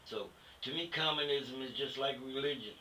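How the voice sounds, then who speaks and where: A man's voice: medium pitch, normal speed, sharp tone, rough recording. An older American man, a veteran looking back in a conversational interview, speaking bluntly and colloquially with emphatic opinions. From United States. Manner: colloquial, emphatic, punctuated with "you know". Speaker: interviewee, Vietnam War veteran. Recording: faint background noise.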